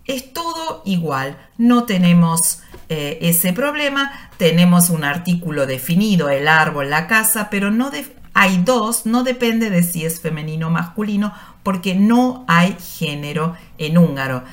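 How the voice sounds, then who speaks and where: Woman radio presenter, slow and patient, slightly low voice, teaching with examples. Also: expressive. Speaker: radio show presenter explaining language trivia. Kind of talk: relaxed educational talk.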